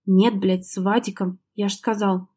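A woman's voice: mid-range voice, steady tone, normal speed, dark tone, breathy edge, natural voice. A woman reading the lines of an irritated, defensive husband who answers in curt, clipped phrases in a dramatic audiobook.

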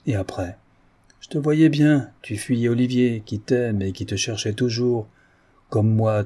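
A man's voice: lowish voice, mellow, slightly rough. A man voicing a proud, earnest man who passionately urges his cousin to reclaim his honor. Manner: fervent, impassioned pleading. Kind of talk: audiobook character reading.

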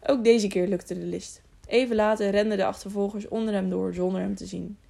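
Gravelly woman narrating an audiobook. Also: medium pitch, a little fast. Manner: steady storytelling, slight stumbles. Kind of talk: scripted narration.

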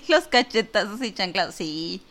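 A woman's voice: mid-range voice, animated, a little slow, fairly bright tone. A woman with a Mexican accent hosting an online talk show, chatting casually and jokingly as she reads out listener comments. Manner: chatty and joking, lots of fillers and laughter.

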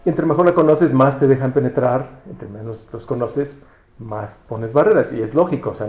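A man's voice: medium pitch, mellow, roomy sound, rough recording. A man preaching a conversational sermon, often restarting words and asking rhetorical questions. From Mexico. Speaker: pastor.

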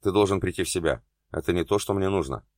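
A man's voice: deep voice, fast, a little mellow, dry recording, studio quality. A man voicing an adult man who is hurt and jealous but still loves his partner, speaking bitterly and pleadingly in an audiobook. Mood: tender.

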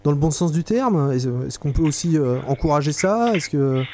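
A man's voice: on the high side, lively intonation, a little mellow, slight background noise. A man hosting a radio interview, asking questions hesitantly with many fillers. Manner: hesitant, fills pauses with euh while asking. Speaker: radio host.

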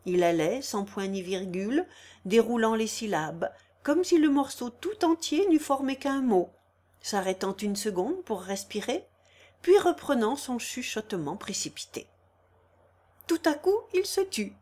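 A woman reading a literary story aloud as an audiobook narrator, in a slow, measured way. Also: on the high side, lively intonation, a little mellow.

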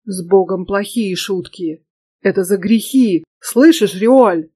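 A woman's voice: medium pitch, takes it slowly, mellow. A woman reading the lines of a stern, devout old male farmer who scolds his sons. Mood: scolding. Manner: gruff, scolding.

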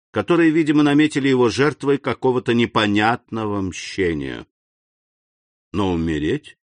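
Male narrator, expressive and animated, dry close sound. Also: mid-range voice, no room sound. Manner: expressive storytelling. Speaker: audiobook reader. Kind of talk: scripted narration.

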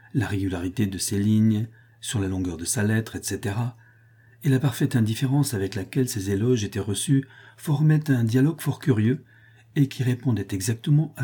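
A man narrating a classic novel in a steady, even manner. His voice is dark and mellow with a husky grain. This is scripted audiobook reading. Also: lowish voice.

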